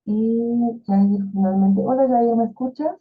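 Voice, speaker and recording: A woman's voice: a little high, fairly even intonation, measured pace, husky, soft background music. A woman teaching an online class, explaining in a chatty way with fillers and rhetorical questions. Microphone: video call. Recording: tinny phone-like video call audio.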